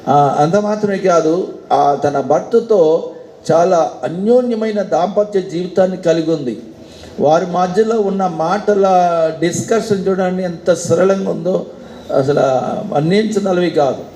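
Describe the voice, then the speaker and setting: A male pastor preaches in a high, mellow voice. He keeps putting rhetorical questions to his congregation. The sound is roomy and echoey, with faint ambience underneath. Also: unhurried, a little hiss or hum. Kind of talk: sermon.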